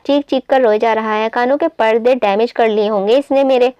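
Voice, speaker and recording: A woman voicing a sharp-tongued young woman about to be married, teasing and whiny. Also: on the high side, steady tone, brisk, clear, resonant tone, dry recording, dull audio, natural voice. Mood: irritated. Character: cheeky young bride-to-be, teasing and dramatic.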